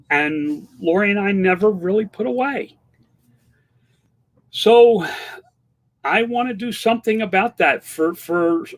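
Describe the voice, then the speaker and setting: An online seller in his fifties hosts a casual livestream, reading viewer comments and chatting about them in a candid, loose way. His voice sits a touch higher than most men's. He stumbles through restarts and fillers as he answers.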